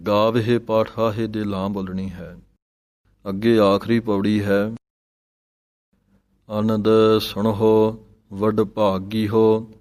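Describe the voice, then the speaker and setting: A man gives a recitation lesson. He chants verses slowly and then adds quick spoken notes on pronunciation and pauses. His voice sits low and stays in a narrow, even pitch range. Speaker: teacher of scripture recitation.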